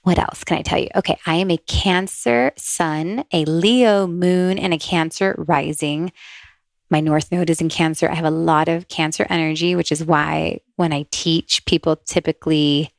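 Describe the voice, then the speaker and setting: Gravelly and low, this woman's voice keeps a fairly even intonation at a normal speed with no echo. She's a podcast host and intuitive reader from the USA, born in New Jersey and raised in Miami, chatting cheerfully on her solo show and laughing often between ideas.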